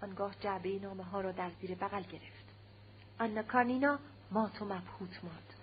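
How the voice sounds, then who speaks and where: A woman narrating a classic novel as an audiobook, in a steady, measured reading, on a slightly muffled recording with a faint hum. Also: mid-range voice.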